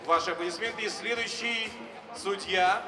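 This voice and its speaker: A middle-aged male host makes formal ceremony announcements in short bursts from a big exhibition hall stage, his handheld mic running through the PA. His high voice keeps a moderate pace. Captured far off with echo, the clip carries music, crowd sounds, and general background noise.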